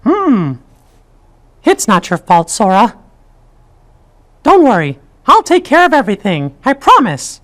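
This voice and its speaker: An actor voicing a small, brave, kindly mouse king in a cartoon video game, squeaky falsetto, reassuring and resolute. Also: huge pitch swings, a little slow, pauses often, fairly bright tone.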